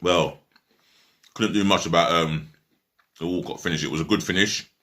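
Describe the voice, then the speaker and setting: A man with a low, forceful and bright voice gives a rambling fan review of a football match. He is blunt, swears freely and fills his talk with ums, now and then speaking through a mouthful of food. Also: normal speed. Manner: talks while eating. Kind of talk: casual match review vlog.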